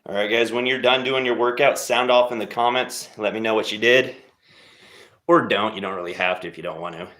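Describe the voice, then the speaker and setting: A man's voice: lowish voice, a little fast, a bit bright. A man hosting a casual live stream as he works out at home. He rambles and jokes while cheering on his viewers. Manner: laid-back, rambling, jokey encouragement. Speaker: livestream host leading a workout. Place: home workout space. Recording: roomy echo.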